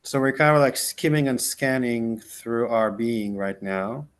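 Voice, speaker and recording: In a clean-toned, mid-pitched male voice, a Hebrew-speaking rabbi teaches casually before leading a soft, slow meditation. His speech stops and restarts constantly, peppered with "like" and "right?"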